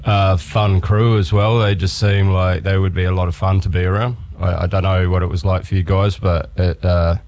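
A low-voiced man with a New Zealand accent hosts a radio chat. His intonation stays quite flat, and he talks casually in slangy, halting, laid-back phrases. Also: dry recording. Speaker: radio show host.

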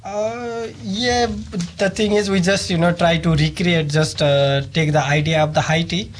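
A man's voice: high-pitched, steady tone, normal speed, slight background noise. A man from Nepal, a sous chef, explaining things hesitantly with many fillers in a casual interview.

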